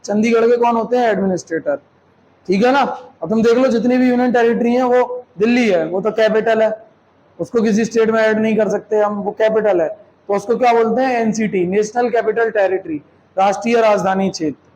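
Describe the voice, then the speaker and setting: A man's voice: high voice, a little fast, darkish tone, highs cut off, slight background noise. A man teaching a classroom lecture, explaining step by step and checking with students through rhetorical questions, mixing Hindi with English terms.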